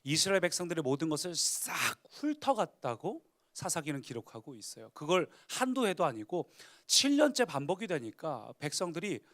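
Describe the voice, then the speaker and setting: A man's voice: a little high, big pitch swings, moderate pace, fairly bright tone. A male pastor preaching a Sunday sermon, dramatically retelling scripture and rising to emphatic declarations.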